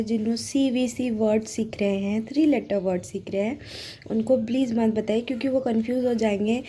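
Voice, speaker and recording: Mellow-voiced woman teaching phonics. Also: fairly high pitch, slightly rough. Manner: patient, explains slowly, sounds out words. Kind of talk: casual home teaching lesson.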